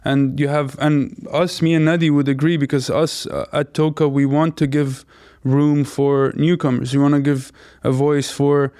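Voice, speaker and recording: Smooth-voiced enthusiastic male co-host. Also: fairly high pitch, flat delivery, normal speed, few pauses, warm tone, dry recording, studio quality. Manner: enthusiastic, repeats words while praising. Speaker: podcast co-host. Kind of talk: casual interview talk.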